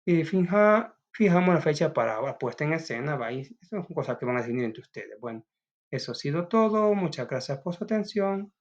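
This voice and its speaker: A man's voice: on the high side, very animated, fairly quick. A man explains a school drama lesson in a loose, casual way. He keeps checking in with a short "va?". The sound is dull and lo-fi. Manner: casual, asks "va?" often. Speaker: teacher. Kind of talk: recorded lesson.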